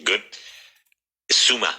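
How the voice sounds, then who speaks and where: Bright-voiced man teaching English. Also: rough recording. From Ireland. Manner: brisk, corrective, encouraging. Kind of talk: classroom drilling.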